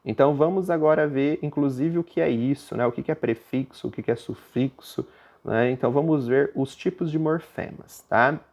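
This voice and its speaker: A man's voice: normal speed, a little mellow. A man with a Brazilian Portuguese accent, teaching a recorded grammar lesson and explaining step by step. He often stops to check that the listeners are following. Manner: puts on a student's objection in a higher voice.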